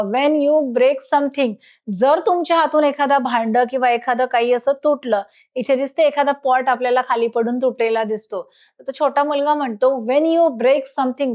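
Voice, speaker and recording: High-voiced woman teacher. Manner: reads English lines slowly, then translates and explains. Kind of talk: English lesson explained in Marathi.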